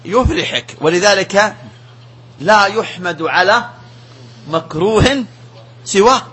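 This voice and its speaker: Male sheikh, emphatic religious lesson, bright tense voice. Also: sits high, slow pace, breathy edge. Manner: emphatic, animated preaching.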